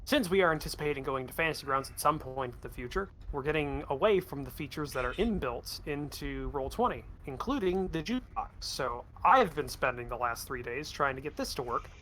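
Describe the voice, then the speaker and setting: Bright-voiced man running a tabletop game. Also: a little high, expressive, brisk, few pauses, slight background noise. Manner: rambling, self-correcting explanations. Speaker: game master. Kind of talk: casual game chat. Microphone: voice call microphone.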